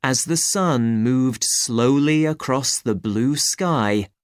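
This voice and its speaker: A woman reading a graded storybook aloud, very clear and expressive. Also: rumbling low, slow pace, no room sound. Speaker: storybook reader.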